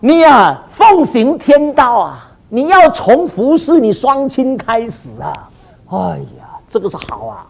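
High-voiced animated male preacher. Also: a little slow, vocal fry. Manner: animated, full of rhetorical questions to the listeners; drops in short English phrases. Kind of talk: sermon to a congregation.

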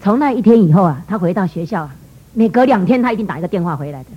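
A middle-aged woman shares a church testimony at a quick clip, her voice somewhat husky. She tells her story earnestly and acts out the dialogue as she goes. The recording sounds dull and lo-fi. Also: medium pitch, expressive. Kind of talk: emotional personal testimony.

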